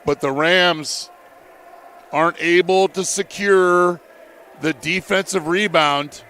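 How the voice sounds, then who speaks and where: A man calling a live college basketball game play by play, in measured, steady calls. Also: high voice, a little hiss or hum. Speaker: play-by-play commentator.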